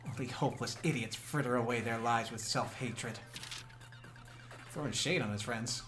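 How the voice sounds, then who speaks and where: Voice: mid-range voice, normal speed, close to an everyday voice. A streamer reading a diary entry aloud in character as a self-hating child desperate to please a father, speaking in a bitter, self-reproaching, intense way over faint game music.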